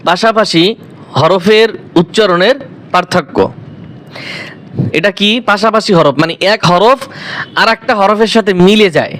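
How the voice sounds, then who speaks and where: A male Quran teacher giving a lesson on letter pronunciation. He speaks patiently, drawing letters out slowly and asking questions before he answers them. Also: high voice, fairly bright tone, a little hiss or hum. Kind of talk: recitation lesson.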